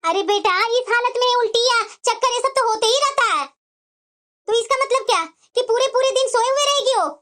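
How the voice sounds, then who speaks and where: Woman voicing a shrill scolding mother-in-law. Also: brisk, bright, forceful tone. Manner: scolding, self-pitying, reproachful. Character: stern scheming Indian mother-in-law, older woman. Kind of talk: animated family drama dialogue.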